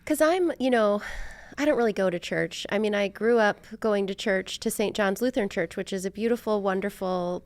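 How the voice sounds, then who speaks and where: A middle-aged American woman hosts a podcast, conducting a casual conversational interview. Her voice is mid-range and her speed normal, and she comes across as chatty, informal and reflective.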